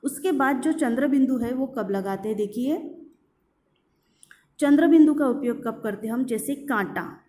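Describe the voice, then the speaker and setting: Woman teacher, grammar lesson, fairly high voice, mellow tone, repeats examples, asks rhetorical questions. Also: normal speed. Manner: mixes English words into Hindi.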